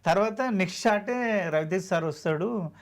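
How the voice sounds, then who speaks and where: A man's voice: high-pitched, moderate pace. A man, an actor telling his story earnestly and emotionally in an interview, often acting out dialogue.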